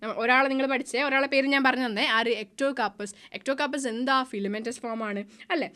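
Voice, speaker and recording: A woman's voice: high-pitched, steady tone, normal speed, pushed and bright. A woman with a Malayali accent teaching a biology class, mixing in English terms and asking the students questions she answers herself. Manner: mixes English terms into her speech. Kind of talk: online class lecture.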